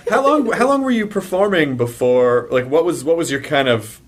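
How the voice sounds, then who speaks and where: A man's voice: fairly high pitch, moderate pace. A man hosting a podcast in a jokey way, asking his guest questions. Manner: animated, jokey, slips into silly voices. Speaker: podcast host. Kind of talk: casual chat.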